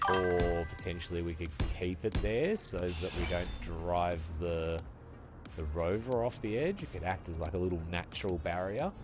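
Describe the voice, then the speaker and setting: A man around fifty streams live, chatting casually with viewers as he plays a game, swearing freely and calling them brother. His voice sits low, with lively intonation at a moderate pace. Faint music plays behind him.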